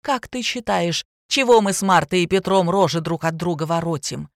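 A woman reader voicing a drunk, hysterical middle-aged woman who shouts and mocks in a slow, drawn-out way. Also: fairly low pitch, animated, no echo, clean studio sound. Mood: scornful.

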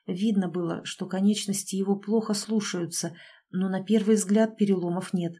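A woman narrating a first-person audiobook story in a brisk, wry manner, voicing the dialogue herself. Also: mid-range voice, steady tone, dark tone, slightly rough.

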